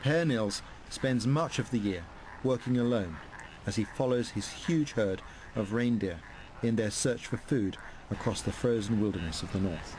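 A man narrating a documentary in a calm, measured, scripted way. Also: on the low side, noisy background. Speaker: presenter narrating.

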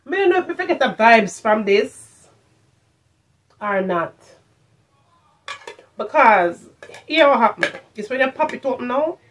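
Talking to the camera indoors in a furnished home room, this Jamaican-accented woman of middle age goes through a shopping haul in a relaxed vlog. Her fairly high voice has a sing-song quality, a measured pace, and long pauses, and she drops into patois and repeats phrases to stress her points.

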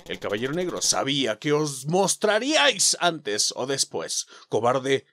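A man with a Mexican Spanish accent voicing a menacing dark knight rival in a game, in slow, theatrical old-fashioned speech. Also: medium pitch, sing-song, slight background noise, heavily acted. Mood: taunting.

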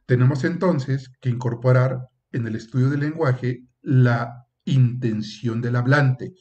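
A man's voice: mid-range voice, fairly even intonation, slow, mellow, dull audio. A man lecturing as a professor, explaining at length with frequent filler sounds and acting out short example exchanges. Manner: acts out short example dialogues. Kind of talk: university lecture.

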